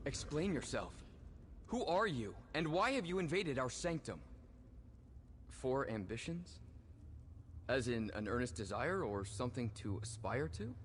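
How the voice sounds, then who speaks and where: A man's voice: mid-range voice, big pitch swings, a little slow, long pauses, slight background noise. A man playing a protective, indignant young brother in a fantasy video game, formal and earnest. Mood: suspicious, indignant. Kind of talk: video game character acting.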